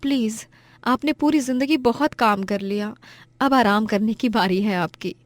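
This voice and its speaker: A woman voicing a hardworking young daughter-in-law who scolds her drunk husband in an animated story. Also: fairly high pitch, a little slow, no room sound, natural voice. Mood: caring. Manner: scolding, indignant.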